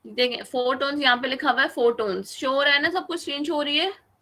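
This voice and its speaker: A woman's voice: high-pitched, fast talker, bright, forceful tone. A woman teaching an online Chinese class, patiently drawing out each sound as she demonstrates it. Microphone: video call.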